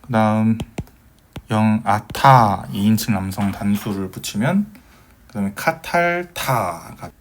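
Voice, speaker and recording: A man's voice: on the low side, expressive, measured pace, a little hiss or hum. A man giving a recorded Hebrew grammar lecture, patiently asking questions and answering them himself, with many fillers.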